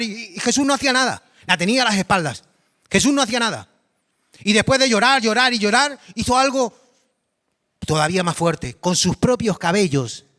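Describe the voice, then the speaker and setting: Male pastor, high voice, animated sermon delivery that quizzes the congregation. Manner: animated, dramatic storytelling with repetition; addresses the congregation directly with questions. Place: church congregation.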